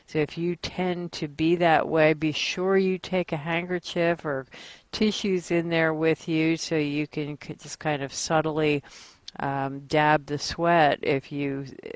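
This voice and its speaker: A woman's voice: lowish voice, dry recording, lo-fi sound. A woman instructor giving a recorded class lecture, talking conversationally with frequent ums and uhs.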